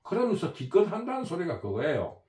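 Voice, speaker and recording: A man rambles through an opinionated political monologue, circling back and repeating his points with force. His voice sits fairly high and swings widely in pitch. The recording is roomy, with a noticeable echo. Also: wildly swooping pitch, brisk, darkish tone. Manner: emphatic, repetitive, rambling. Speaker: political commentator.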